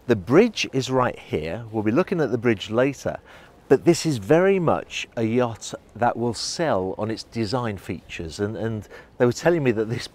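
A middle-aged yacht reviewer leads an enthusiastic walkthrough of a yacht at a boat show, guiding viewers as he moves from the outdoor deck into the saloon. His voice is medium-pitched and a little mellow.

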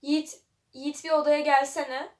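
A woman reading the lines of a brash young male mafia thug, gruff and slangy, barely changing her own voice. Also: sits high, little pitch movement, normal speed, a little mellow, close to an everyday voice.

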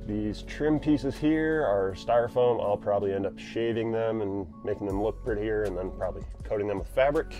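A man's voice: on the low side, moderate pace, hardly any pauses, warm tone, soft background music. A man casually walking through his camper van build, explaining plans in a plain, practical way. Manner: plain, practical, talks while pointing things out. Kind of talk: casual walkthrough narration. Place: inside a cargo van in a workshop.

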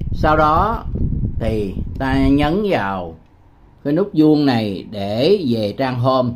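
A man from Vietnam teaching English words in a patient tutorial, repeating each word slowly with hesitation sounds. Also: medium pitch, darkish tone, a little hiss or hum. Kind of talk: slow, patient screen-demo tutorial.

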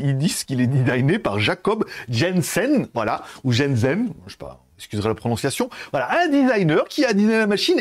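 A man from France hosting a casual, chatty product review video, full of fillers and asides. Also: sits high. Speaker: tech reviewer.

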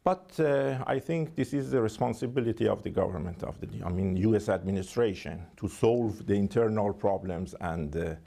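A man with a Persian accent, speaking English as a second language, giving formal, halting interview answers as a diplomat. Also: lowish voice, vocal fry, warm tone. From Iran. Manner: halting, hesitant phrasing with frequent 'I mean'.

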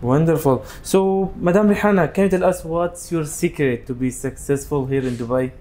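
A man's voice: on the high side, mellow. A man hosting a TV business interview, asking questions in English and praising each answer with enthusiasm. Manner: upbeat, repeats "amazing", fast formal Arabic intros. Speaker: show host, interviewer.

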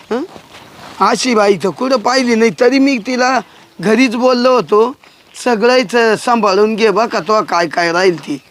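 Man acting grumbling village husband, very high voice, muttering, comedy sketch. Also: fairly bright tone. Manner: grumbling to himself. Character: grumbling husband waiting for his wife.

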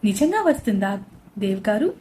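A woman voicing an innocent young wife who speaks softly and pleadingly in a storybook reading. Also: mid-range voice, big pitch swings, normal speed, slight background noise, natural voice. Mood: happy.

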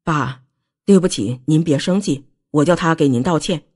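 A woman voicing a young husband who speaks coldly and firmly in a lowered voice. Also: normal speed, a little mellow, breathy edge. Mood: apologetic. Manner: cold, clipped, firm. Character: stern young husband, cold and firm.

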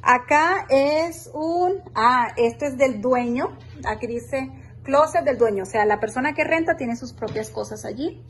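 Speaking a little slowly in a high, animated, slightly rough voice, a woman vlogger walks through a beach rental filming with her phone. She gives an enthusiastic, chatty house tour in casual vlog style, calling her viewers "girls."

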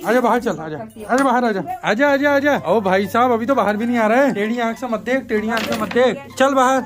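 Man vlogging at home, coaxing his dog. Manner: coos at the dog in high baby talk. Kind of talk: casual home vlog. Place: family home. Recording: background music under the voice.

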